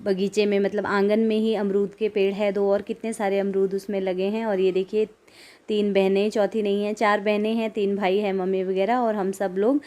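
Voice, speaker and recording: Himachali woman vlogger, casual and chatty, narrates for viewers, mid-pitched voice. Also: little pitch movement, normal speed, warm tone. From Himachal Pradesh, India. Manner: chatty, talks straight to viewers.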